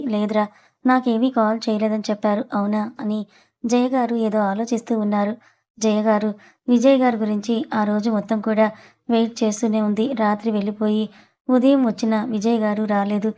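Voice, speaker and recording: A woman's voice: mid-range voice, mellow. A woman narrating a serialized family drama story, reading the characters' lines in her own voice. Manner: reads all characters' lines in her own voice with little change.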